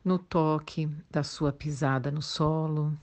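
A Brazilian woman leading a guided meditation in a soothing, gentle way, leaving long pauses. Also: sits low, fairly even intonation. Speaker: guided meditation instructor for children and teenagers.

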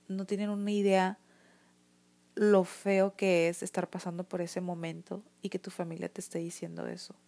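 An earnest woman with a Mexican accent tells her personal story to the camera. Her voice sits low and mellow, with a fairly flat melody, and she often restarts her sentences as she searches for words. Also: vocal fry. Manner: earnest and emotional, many restarts and "o sea" fillers. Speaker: vlogger sharing her experience. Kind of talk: personal testimony talk to camera.

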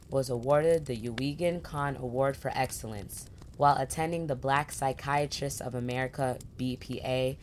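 Woman, podcast host, unusually deep voice, effusive, casual, faint background hiss. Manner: effusive, peppers speech with "y'all" and "like". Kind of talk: podcast interview.

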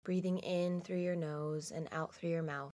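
Low-voiced woman guiding a slow meditation. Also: fairly even intonation. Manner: slow, soothing, hushed delivery with long pauses. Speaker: guided meditation narrator. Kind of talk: guided meditation, scripted narration.

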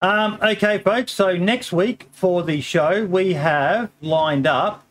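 This middle-aged podcast host talks casually in a high-pitched, slightly hoarse voice, with a faint hiss or hum in the audio. He wanders through his thoughts, filling gaps with ums and calling people mate.

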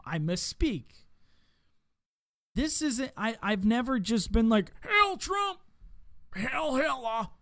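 A man's voice: high voice, clean tone, no echo, studio quality. A man hosting a podcast, delivering a rambling political commentary monologue with sarcastic asides. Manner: rambling and sarcastic, with mocking voices for opponents. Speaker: podcast host.

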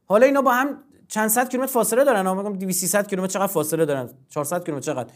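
A man as guest scholar in a discussion of religion, lecturing in a formal, emphatic way and often repeating himself. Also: sits high.

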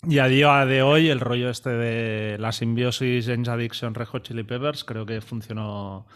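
A man's voice: medium pitch, steady tone, moderate pace, fairly bright tone, smooth. A man giving his view in a casual music debate, in a reflective manner. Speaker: panelist.

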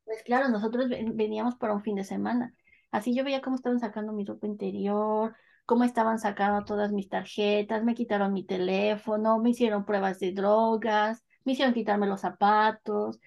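A woman telling a personal story in an animated, casual way, laughing as she goes. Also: a little high, creaky. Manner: animated, lively, laughs between phrases.

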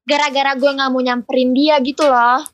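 A woman's voice: sits high, flat delivery, brisk. A young woman, a podcast guest telling a story casually and acting out what people said. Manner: chatty, recounts with quoted dialogue.

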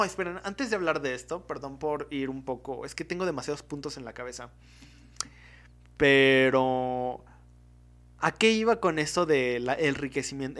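A young man speaks in a slightly high-pitched voice. He talks casually and straight to his viewers. He rambles, backtracks and interrupts himself as new points come to mind. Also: fairly bright tone. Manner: chatty and digressive, self-interrupting. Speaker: video commentator. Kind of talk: casual monologue to camera.

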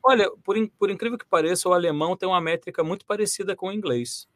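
A man from Brazil, a voice actor and dubbing director, explaining his work in a lively interview, with many restarts and fillers. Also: sits high, fast, no room sound. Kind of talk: interview conversation.

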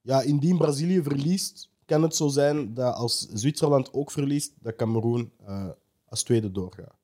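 A man's voice: mid-range voice, normal speed, warm tone. A young man in a casual football chat, joking and spinning long comic bits.

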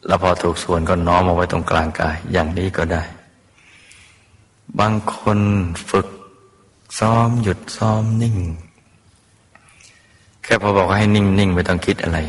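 A man, a Buddhist teacher, gently guiding a meditation and calling his listeners his children. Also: sits low. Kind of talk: guided meditation sermon. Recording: long hall reverb.

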